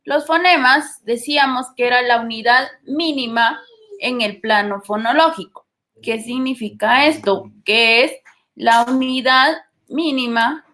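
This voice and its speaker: A woman teacher with a Guatemalan accent explaining a lesson, checking in with tag questions and pausing on fillers. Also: a little high, fairly bright tone. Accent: Guatemalan Spanish. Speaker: literature teacher. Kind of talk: recorded class lesson.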